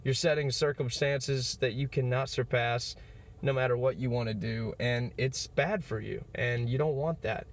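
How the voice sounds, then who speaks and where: A man's voice: mid-range voice, normal speed. Young man, twenties, motivational vlog, earnest and encouraging, casual fillers. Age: 20s. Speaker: motivational vlogger. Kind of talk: motivational talk to camera.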